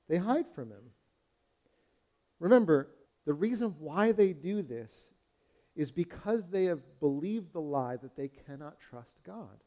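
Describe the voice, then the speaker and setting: A man's voice: on the high side, a little mellow. A man preaching a sermon, earnest and searching, asking his congregation questions and addressing them as friends. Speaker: pastor.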